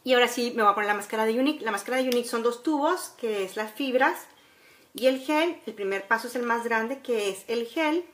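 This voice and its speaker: Sitting by a window in her home, a woman in her forties with a Mexican accent gives a casual, chatty makeup tutorial, regularly checking that viewers are following. She talks a little fast in a fairly high voice, with slight background noise.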